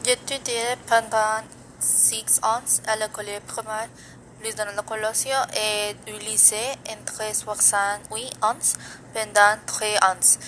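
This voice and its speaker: Slow, flat-voiced teenage girl. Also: medium pitch, slight background noise, low-quality recording. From Mexico. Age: teens. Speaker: student. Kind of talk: reading a self-introduction.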